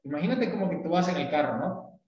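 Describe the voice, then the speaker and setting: A man's voice: fairly high pitch, expressive, fast, a little mellow, very echoey, dull audio. A man from Latin America teaching an English lesson, explaining patiently with images and asking questions.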